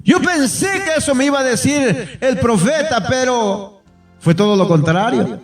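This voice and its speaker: High-voiced pastor preaching fervently, echoey church. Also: male voice, expressive, a little slow, recorded from a distance. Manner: fervent preaching, often addressing the congregation as brothers. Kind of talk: sermon. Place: church hall. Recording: echoey room, off-mic, faint music.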